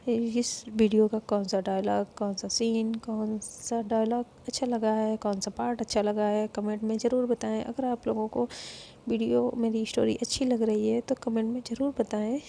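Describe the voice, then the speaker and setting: A woman's voice: fairly high pitch, slight background noise. A woman telling a serialized romance story in a casual spoken way, acting out the characters' bickering and then narrating and signing off to her viewers. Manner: acts out both girls' quarrel with raised, lively voice.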